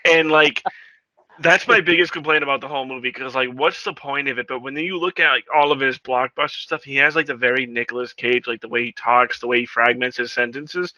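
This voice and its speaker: Man, podcast co-host, very bright tense voice, dry lo-fi sound, jokey and mocking. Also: medium pitch, no room sound. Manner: animated, mocking, quick laughs. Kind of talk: casual movie chat. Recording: dry, dull lo-fi mic.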